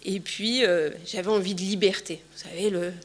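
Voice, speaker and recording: Woman in her 40s giving a conference talk, chatty, lots of ums, medium-pitched voice. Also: steady tone, normal speed. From France. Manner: chatty, many fillers. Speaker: conference speaker. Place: large conference hall.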